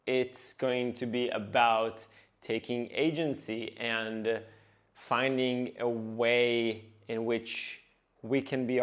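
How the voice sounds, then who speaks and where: This is earnest, scripted devlog narration from a male animation director. His voice is fairly high, and he eases his pace to stress key points.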